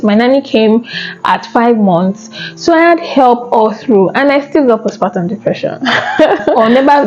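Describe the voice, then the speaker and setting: A woman's voice: fairly high pitch, mellow. A woman, telling a personal story and giving earnest advice to camera in a conversational way. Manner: earnest, conversational, asks viewers questions. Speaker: vlogger. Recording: slightly dull sound with faint background music.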